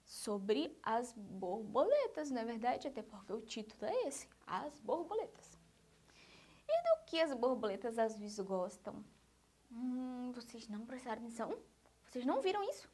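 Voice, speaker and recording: A woman with a Brazilian accent teaches small children. Her voice sits high and swoops up and down with a sing-song lilt, and she keeps checking that they follow along. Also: big pitch swings, moderate pace, darkish tone, breathy edge. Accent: Brazilian Portuguese. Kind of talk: online lesson for young children.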